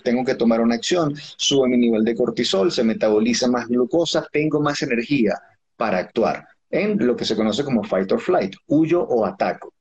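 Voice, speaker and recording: A man's voice: medium pitch, husky. A man as a guest expert in an interview, explaining things step by step with rhetorical questions. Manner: didactic, uses rhetorical questions.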